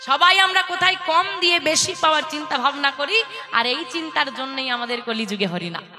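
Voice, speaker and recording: A woman's voice: high voice, quick pace. A woman giving a playful devotional sermon to a seated audience, teasing listeners and calling them to chant along. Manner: playful, teasing the audience, calls for call-and-response. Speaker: kirtan preacher. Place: religious gathering before a seated audience. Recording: loud live music behind the voice. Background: devotional music.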